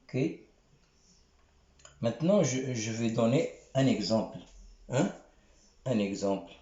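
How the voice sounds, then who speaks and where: A man teaching letters slowly and patiently, sounding out syllables one by one. His voice is mellow and dark, and it is recorded in a roomy space with a dull, muffled sound. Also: medium pitch, animated. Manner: patient, repeats syllables and checks understanding. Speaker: Arabic teacher. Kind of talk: slow spoken lesson.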